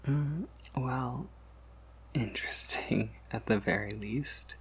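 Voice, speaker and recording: A man whispers breathily, with creaky edges, as a soft-spoken, patient and wry vampire apothecary who collects oddities. His medium-pitched voice is slow and exaggerated as he muses gently and reassuringly, hesitating and humming softly.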